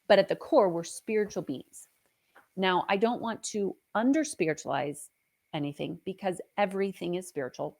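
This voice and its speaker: Brief: middle-aged woman, podcast host and minister, conversational faith teaching, lively and playful. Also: lowish voice. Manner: chatty and animated, with playful acted asides.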